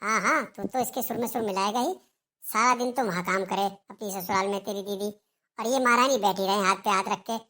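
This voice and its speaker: A woman's voice: medium pitch, brisk, pushed and bright, natural voice. A woman voicing a dramatic, complaining older mother-in-law in a Hindi cartoon, taunting and wailing about her family. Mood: sarcastic.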